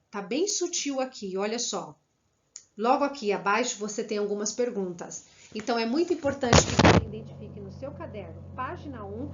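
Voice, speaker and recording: A Brazilian woman teaching an online Spanish class, encouraging and asking many rhetorical questions. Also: a little high. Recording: muffled lo-fi audio with background hiss.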